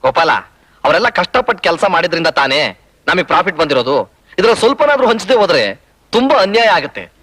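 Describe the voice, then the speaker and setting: A bright, lively good-natured rich father. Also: high-pitched, a little fast, slightly rough, dry recording, heavily acted. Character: good-natured wealthy father, indulgent toward daughter. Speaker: rich father and business partner. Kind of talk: film dialogue.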